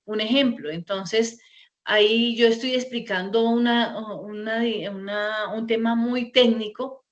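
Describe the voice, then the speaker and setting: A woman's voice: on the high side, fairly even intonation, unhurried, muffled recording. A woman teaching an online class over a video call, conversational, with many fillers and rhetorical checks.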